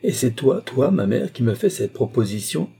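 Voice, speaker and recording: A man's voice: medium pitch, very animated, moderate pace, vocal fry, warm tone, breathy edge, heavily acted. A man voicing a proud, principled young man who answers his mother firmly and earnestly. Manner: earnest, firm.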